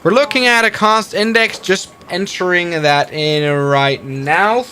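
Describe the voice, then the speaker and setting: Bright and forceful, a man's high voice comes through a little slowly as he chats his way through a flight simulator stream. He narrates each step aloud in casual live-stream style, correcting himself as he goes.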